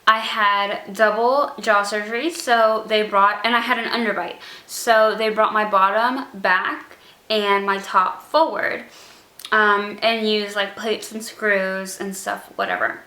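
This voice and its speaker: A woman's voice: medium pitch, steady tone, takes it slowly, sharp tone, echoey room. A young woman vlogging casually, struggling to pronounce her words after jaw surgery, rambling and self-conscious with many fillers. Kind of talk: casual vlog update.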